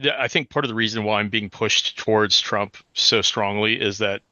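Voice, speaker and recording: A man speaking haltingly and with frustration about politics, repeating his words. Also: lowish voice, fairly even intonation, bright, forceful tone, no room sound. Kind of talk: candid personal comment. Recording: dull, dry, lo-fi audio.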